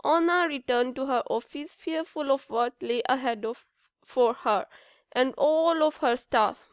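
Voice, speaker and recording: High-voiced woman reading a bedtime story. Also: clear, resonant tone, no echo. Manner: gentle, expressive reading aloud.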